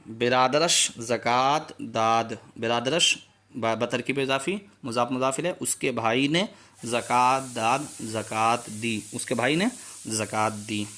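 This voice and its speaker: A man's voice: medium pitch, a little slow, sharp tone. A man teaching a Persian grammar lesson, saying each word and its meaning over and over as a drill.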